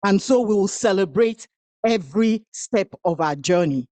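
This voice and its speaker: A woman whose first language is Igbo performs spoken-word poetry at a women's event, her delivery rhythmic and incantatory with long pauses. Her mid-range voice is animated and mellow, with no echo.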